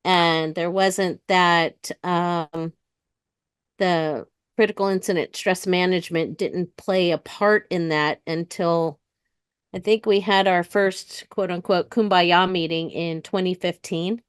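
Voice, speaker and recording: Speaking slowly and steadily in a lowish, clear, resonant voice, an American woman in her fifties from the United States talks casually and frankly as an interview guest. She's a retired police dispatcher, recorded at studio quality with no echo.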